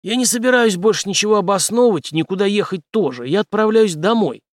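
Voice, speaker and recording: A man's voice: high voice, lively intonation, fast talker, dry recording, studio quality, pitched above the performer's own voice. A man voicing a brash, stubborn officer. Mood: forceful.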